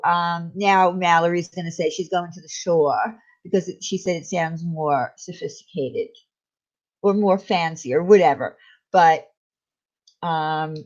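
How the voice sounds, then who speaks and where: A woman from New York with a voice on the low side hosts a livestream, slowly and chattily going through viewer comments. She rambles and laughs easily, and the sound is dull lo-fi livestream audio.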